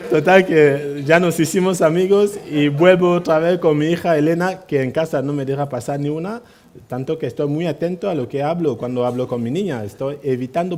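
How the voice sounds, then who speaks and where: A man's voice: a little high, darkish tone. Hesitant man giving an anecdotal speech. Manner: hesitant, with frequent tag questions and restarts. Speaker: speaker at a party assembly. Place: assembly hall.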